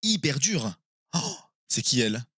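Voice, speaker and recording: Streaming live, a medium-pitched man with a breathy edge to his voice runs a quiz game with viewers. He's excitable and swears or exclaims fast when stumped. The audio is studio quality with no echo.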